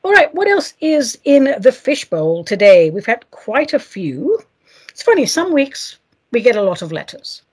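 A woman's voice: a little high, very animated, unhurried, breathy edge. A middle-aged woman hosting a solo podcast, reading listener mail with playful, theatrical asides. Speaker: podcast host.

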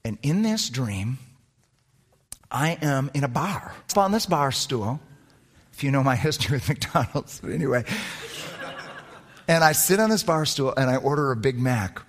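Guy preaching a story sermon, middle pitch, gets loud then drops real quiet. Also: moderate pace, pauses often. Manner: animated, swings between loud emphasis and hushed low tones. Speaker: pastor.

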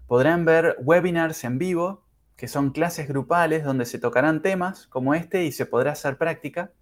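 A man teaching English pronunciation in a podcast lesson, speaking carefully and demonstrating sounds slowly. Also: fairly high pitch. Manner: slow, careful, exaggerated pronunciation drills.

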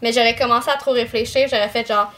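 Co-host type, woman with a Quebec French accent, teasing and playful, a touch higher in pitch. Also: fairly even intonation, fast talker, sharp tone. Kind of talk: casual chat.

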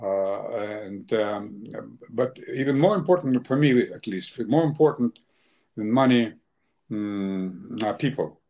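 This guest, an older man born in Ukraine who came over from Russia, delivers interview answers in a lowish, expressive, slightly mellow voice at a slow pace. His speech is hesitant, packed with fillers and restarts.

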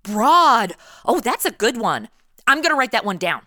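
Flippant young amateur sleuth, wildly animated. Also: female voice, a little high, normal speed, no echo, studio quality. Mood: flippant, amused. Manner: sassy, slangy, chatty. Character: flippant, breezy modern young woman playing amateur sleuth. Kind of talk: comedic radio drama acting.

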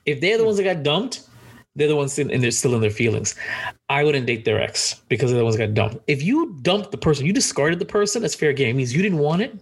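A man's voice: fairly high pitch, big pitch swings, fast, slightly rough. A man co-hosting a podcast, chatting casually in a joking, rambling way with many restarts. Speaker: podcast co-host.

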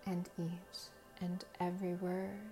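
Slow, creaky, mellow woman hypnotist. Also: on the low side, completely flat delivery, soft background music. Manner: slow, soothing, measured, with long pauses between short phrases. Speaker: guided hypnosis and meditation host. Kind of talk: slow hypnotist-style guided relaxation.

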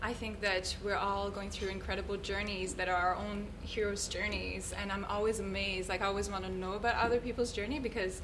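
A woman speaks as a guest in an interview. She tells her story in an earnest, thoughtful way, pausing to search for the right words. Her voice sits at a middle pitch. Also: little pitch movement, noisy background. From Switzerland. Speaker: guest, yoga teacher. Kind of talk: reflective personal storytelling.

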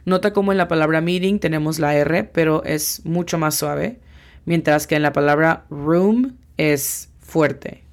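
A woman teaching English vocabulary, spelling out each word sound by sound. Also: low-pitched. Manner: slow, spells words out sound by sound. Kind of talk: language lesson.

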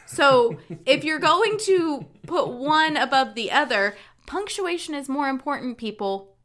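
A woman's voice: high-pitched, animated, measured pace, a bit bright. A woman co-hosting a casual chat podcast, emphatic and opinionated, in a mock rant. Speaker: podcast co-host.

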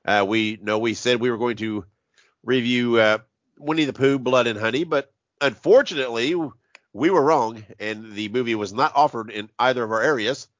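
A man with a stuffy, congested voice that sounds like he is inside a box, chatting casually and haltingly as a podcast host while sick. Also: medium pitch, no echo, dull audio. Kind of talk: casual horror movie review podcast chat.

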